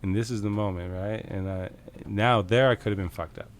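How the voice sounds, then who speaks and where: A middle-aged man from Canada spins a story on a podcast, loose and animated, swearing as he goes and jumping into the voices of the people in it. His voice sits on the low side. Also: a little fast, slight background noise. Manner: animated, swears freely, acts out quoted exchanges. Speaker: podcast guest. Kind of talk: casual storytelling.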